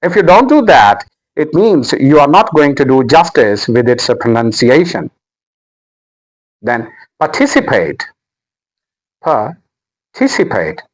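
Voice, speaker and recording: Slow, deliberate male English teacher. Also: medium pitch, expressive, poor audio. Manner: repeats each word slowly, stressing syllables. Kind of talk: slow, deliberate pronunciation lesson.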